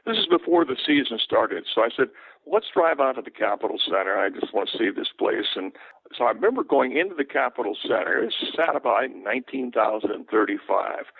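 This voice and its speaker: An older male sportscaster recounts stories in a relaxed, anecdotal way. His voice is gravelly, and it comes through a tinny, phone-like line with a dry sound. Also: medium pitch, dry recording. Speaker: sportscaster guest. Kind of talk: storytelling interview.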